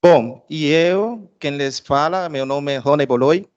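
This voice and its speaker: A man with a Cuban Spanish accent presents to an audience at an institutional event, his voice smooth, resonant and a little higher than most men's. He hesitates often, filling the pauses with drawn-out filler sounds. The audio is dull and lo-fi. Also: darkish tone. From Cuba. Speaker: research director giving an institutional presentation.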